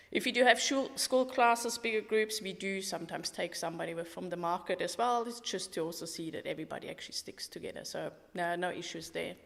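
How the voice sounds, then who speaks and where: A Swiss-accented woman from Switzerland, middle-aged and working as a walking tour guide, speaks with enthusiasm and a matter-of-fact manner in a podcast interview. Her low-leaning voice is gravelly and a bit bright, echoing with roomy hall-like reverb.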